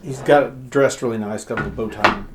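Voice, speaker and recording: A man's voice: medium pitch, background noise. A man narrating a tabletop game as game master, hesitant and full of fillers. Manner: unhurried, hesitant, lots of fillers. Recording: echoey room.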